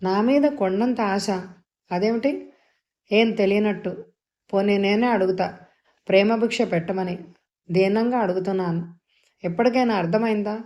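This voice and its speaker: A woman's voice: medium pitch, moderate pace, long pauses, darkish tone, close to an everyday voice. A woman voicing a bitter, jealous middle-aged uncle in an audio novel, talking heatedly. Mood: pleading.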